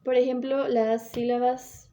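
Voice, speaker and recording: Woman, hesitant class presentation, fairly high voice, mellow tone, frequent self-corrections. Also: level tone, unhurried.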